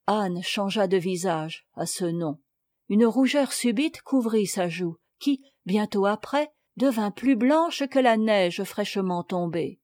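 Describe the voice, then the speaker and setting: A woman narrating a classic tale as an audiobook reader, in a slow, deliberate reading. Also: mid-range voice, a little mellow, no echo, clean studio sound. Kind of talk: scripted narration.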